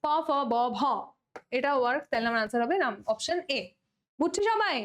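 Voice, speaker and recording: A young woman with a Bangladeshi Bengali accent runs an online exam-prep lesson in a high voice. She is playful and teasing, and she pleads with her students to understand. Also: very animated, a little fast, fairly bright tone. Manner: playful, pleading, mixes English words. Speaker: teacher.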